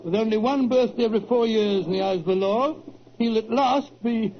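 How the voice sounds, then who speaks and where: High-pitched, bumbling English doctor played by a man, Watson. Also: brisk, lightly acted. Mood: amused, explaining. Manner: hesitant, avuncular, repeats himself. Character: genial, bumbling older English doctor, loyal companion. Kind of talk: 1940s radio acting. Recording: noisy, dull old radio recording.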